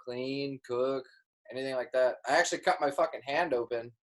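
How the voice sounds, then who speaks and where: A man's voice: mid-range voice, a little fast. A man co-hosting a podcast over a video call, talking bluntly, joking and swearing a lot. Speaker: podcast co-host. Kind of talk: casual chat.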